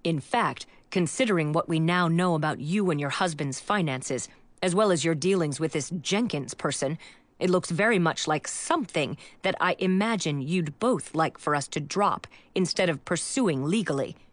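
A woman's voice: low voice, animated, normal speed, dry recording, voice pushed down. A woman voicing a stern middle-aged father who speaks in an icy, clipped way. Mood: cold stern.

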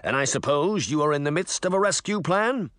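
A man's voice: fairly high pitch, lively intonation, fairly quick, a bit bright, no echo, clean studio sound, voice pushed up. A man voicing a vain, theatrical magic mirror that brags and sulks in a showy way. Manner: pompous, showy bragging.

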